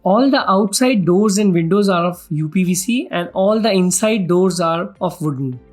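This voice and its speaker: A man's voice: sits high, expressive, moderate pace. A man with an Indian accent giving a formal, scripted property tour as a vlog host, in a salesman-like way. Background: background music.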